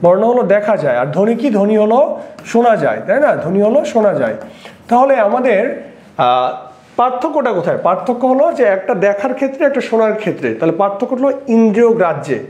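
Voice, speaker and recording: High-voiced man, rapid exam-prep lecture, rhetorical questions, roomy echo. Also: sing-song, darkish tone, dull audio. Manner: asks rhetorical questions and repeats key points.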